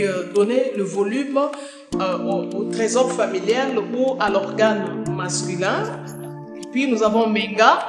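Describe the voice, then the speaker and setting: Woman listing products over music. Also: a little high. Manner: steady listing with many hesitations. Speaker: product presenter. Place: indoor studio set. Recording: reverberant room with music behind.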